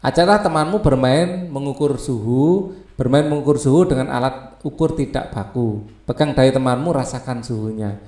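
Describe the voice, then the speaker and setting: A man's voice: medium pitch, normal speed, dark tone, roomy sound. A male teacher, reading textbook passages aloud and explaining them in loose asides.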